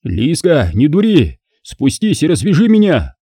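A man's voice: mid-range voice, very animated, normal speed, mellow, husky, no echo, studio quality. A man reading an audiobook voices a tied-up male crook who pleads and wheedles. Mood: desperate pleading.

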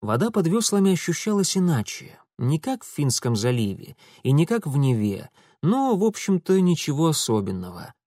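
A man's voice: a little high, sing-song, normal speed, hardly any pauses, a little mellow, no room sound. Male audiobook narrator, dry studio sound.

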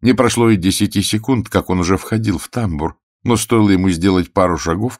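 Deep voiced guy reading an audiobook, steady, dry close recording. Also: no echo. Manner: even, measured storytelling. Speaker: audiobook narrator. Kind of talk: scripted audiobook narration.

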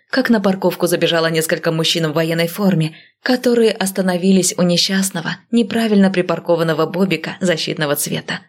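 Woman narrator, lowish voice, steady first-person audiobook reading.

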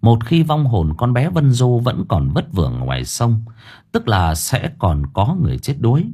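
A man's voice: mid-range voice, very animated, moderate pace, warm tone, husky. A man narrating an audiobook story expressively.

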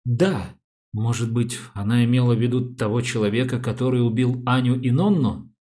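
A man's voice: medium pitch, fairly even intonation, moderate pace, dark tone, close to an everyday voice. A man voicing a frightened young woman witness who gives short, hesitant answers, in his own plain voice.

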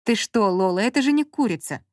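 Женщина в аудиокниге читает реплики ворчливого раздражённого мужчины, занятого делом. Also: female voice, medium pitch, expressive, brisk, a little mellow, no room sound, studio quality, natural voice. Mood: irritated. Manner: grumbling, irritable, muttering. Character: grumpy man absorbed in work, snappish. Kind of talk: audiobook character reading.

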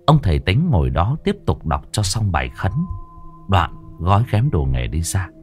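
A male storyteller reads a scripted ghost story, drawing out the dread. His voice is very deep yet highly animated in melody, with faint music playing beneath. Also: normal speed. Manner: dramatic, lingering storytelling. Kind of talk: scripted horror narration.

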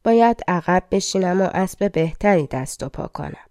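A woman's voice: lowish voice, animated, darkish tone, dry recording, clean studio sound. A woman voicing a brave young prince in a storybook reading, speaking firmly. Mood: determined.

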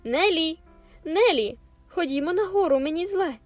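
A woman voicing a tearful teenage girl who begs in a high, breathless voice, with faint music underneath. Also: animated, normal speed. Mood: pleading.

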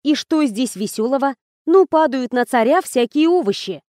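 A chatty coworker rattles on with gossip and mockery in a bright, high voice, as a woman reader plays her. The recording is dry and close. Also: normal speed, no room sound. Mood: gossipy. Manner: lively, gossipy, mocking.

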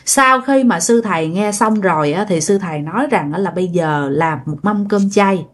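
A woman's voice: medium pitch, normal speed. Woman telling ghost stories. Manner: conversational, addresses listeners directly. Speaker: storyteller. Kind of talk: ghost story narration.

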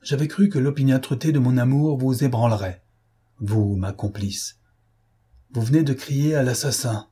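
A man's voice: medium pitch, moderate pace, dark tone, breathy edge, close to an everyday voice. A man reading an audiobook, playing a vengeful, brooding Spanish man who speaks in a cold, solemn, threatening way. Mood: menacing.

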